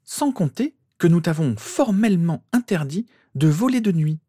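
Stern, scolding mother figure in a storybook reading, a man doing the voice, raised pitch. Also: sing-song, brisk, breathy edge, dry recording, studio quality, full character voice. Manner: sharp, scolding.

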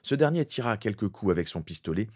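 A man narrating a fan fiction story in a steady, dramatic way. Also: lowish voice, fast talker.

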